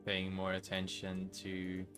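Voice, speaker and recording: A Dutch-accented man talks slowly and a little low while he plays, drifting between thoughts and correcting himself mid-sentence. Faint game music sits behind his voice. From Netherlands. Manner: relaxed, rambling, self-correcting. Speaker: streamer. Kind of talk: casual game stream chat.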